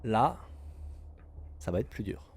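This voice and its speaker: A man narrating a tabletop role-playing game as game master, improvising dramatically with suspenseful pauses. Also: fairly low pitch, sing-song, darkish tone, husky, no echo.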